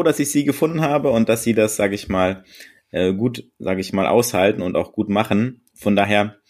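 A man playing a smug, drily polite character in an improvised comic phone role-play, wordy and bureaucratic with a deadpan manner. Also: lowish voice. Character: smug, drily polite male landlord's agent and customer.

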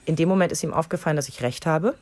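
A German-accented woman hosting a parenting podcast, telling a family story in a relaxed way. Her voice sits on the low side and is recorded dry and close to the mic. She acts out the dialogue as she retells it. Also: rapid-fire, no room sound. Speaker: podcast host, mother. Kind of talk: casual storytelling chat.

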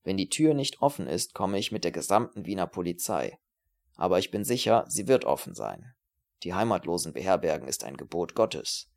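A man voicing a terse, grim male refugee, speaking a bit lower than his narration, with a dry clipped manner. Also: big pitch swings, moderate pace, vocal fry, darkish tone, exaggerated voice. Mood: calm, firm.

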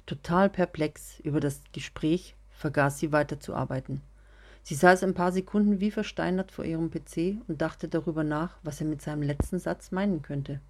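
A woman narrating a serialized story in a steady, measured reading voice. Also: low voice.

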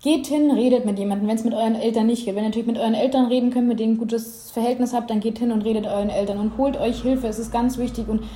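A young woman answers interview questions with earnest conviction and speaks openly from her own experience. Her voice sits fairly high and sounds mellow rather than bright. The room around her rings with a noticeable echo. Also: fairly even intonation, fast, few pauses. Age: young adult. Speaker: interview guest. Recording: roomy echo.

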